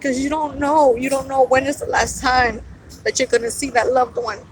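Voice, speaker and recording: A woman's voice: high voice, flat delivery, moderate pace, slight background noise, poor audio. A woman vlogging outdoors on a city street, speaking earnestly and pleading, repeating herself for emphasis. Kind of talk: on-location vlog address.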